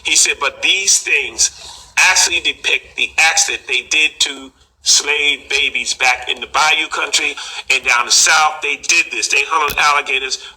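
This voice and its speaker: An older man telling a personal story in an unhurried, halting way, with frequent pauses and fillers. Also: fairly high pitch, bright, forceful tone, husky, poor audio. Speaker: collector recounting a story.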